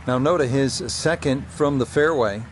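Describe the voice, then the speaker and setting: A man doing golf commentary as lead announcer, calling shots in short, measured phrases. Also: medium pitch, slight background noise.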